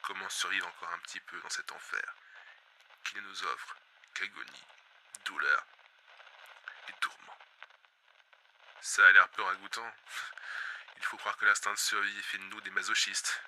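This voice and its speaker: A man hosting a scripted comic radio monologue, theatrical and sarcastic, who lurches from hushed calm into screaming rage and back. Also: deep voice, measured pace, long pauses, a little hiss or hum. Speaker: radio host.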